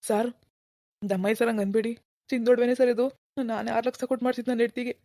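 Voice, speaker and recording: A woman's voice: on the high side, fairly even intonation, very fast, mellow, no echo, clean studio sound, close to an everyday voice. A woman voicing an anxious village man in a cartoon, pleading and bewildered, addressing the listener as sir. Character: anxious village man pawning his gold. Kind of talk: animated cartoon dialogue.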